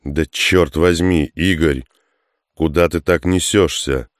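A man voicing an impatient, gruff soldier. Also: rumbling low, steady tone, unhurried, dry recording, clean studio sound. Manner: impatient and grumbling.

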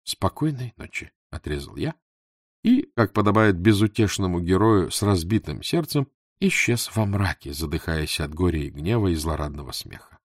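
A man reading a first-person story aloud in an expressive, rueful storytelling manner. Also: low-pitched, normal speed, dry recording, studio quality. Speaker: audiobook narrator. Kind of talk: scripted first-person narration.

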